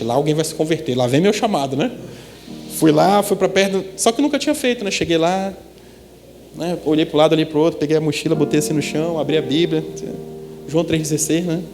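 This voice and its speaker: A pastor with a fairly high-pitched voice preaches a testimony sermon, telling a story and often throwing rhetorical questions at the congregation. Instrumental music plays behind him, and his words trail off in a long reverb tail.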